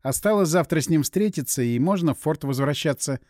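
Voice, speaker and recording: A man's voice: a little high, animated, a little fast, a little mellow, no echo, clean studio sound, close to an everyday voice. A man voicing a tired, worried young woman in an audiobook. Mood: weary. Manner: weary, fretful.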